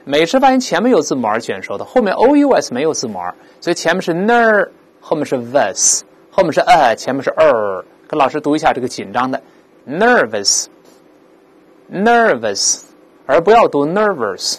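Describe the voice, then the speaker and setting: Animated male teacher drilling vocabulary. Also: fairly high pitch, husky. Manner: drills pronunciation, repeating words slowly aloud; explains with lively rhetorical questions. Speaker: English teacher. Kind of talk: vocabulary lesson.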